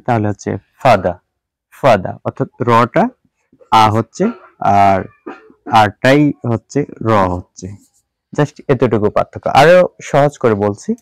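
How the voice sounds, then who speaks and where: A male tutor talks through letter sounds very slowly, saying each one several times and mixing English words into his explanations. His voice sits at a middling pitch. The recording is dry and close, with no room echo. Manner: mixes Bengali with English words. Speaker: English teacher. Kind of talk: spoken language lesson.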